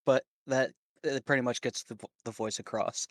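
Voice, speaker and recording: A man's voice: mid-range voice, steady tone, moderate pace, fairly bright tone, dry recording. Stuffed-up man running a tabletop game. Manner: laughs often while narrating. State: mildly stuffed up. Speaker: game master.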